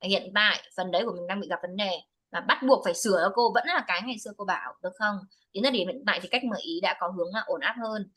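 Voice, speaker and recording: Bright-voiced woman teacher giving firm feedback. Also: medium pitch, very fast, few pauses, low-quality recording. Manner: switches between English and Vietnamese, corrective and insistent. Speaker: English speaking teacher. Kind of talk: one-to-one speaking test feedback.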